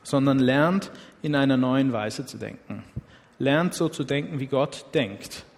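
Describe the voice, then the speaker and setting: A man's voice: medium pitch, measured pace, gravelly. A man preaching a sermon in a conversational way, often checking in with the listeners. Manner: conversational, often asks "oder?". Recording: long hall reverb.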